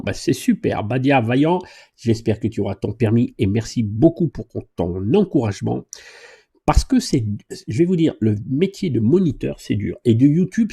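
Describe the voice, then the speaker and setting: A man's voice: medium pitch, mellow, slightly rough. A man who teaches driving, answering viewer questions live in a chatty, joking way and reading comments aloud. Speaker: driving instructor and YouTuber.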